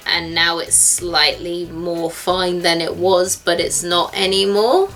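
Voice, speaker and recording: A woman's voice: fairly low pitch, fairly even intonation, takes it slowly, a bit bright, a little hiss or hum. A woman chatting casually as a co-host, loosely phrased and acting out imagined bits of dialogue. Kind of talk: casual chat.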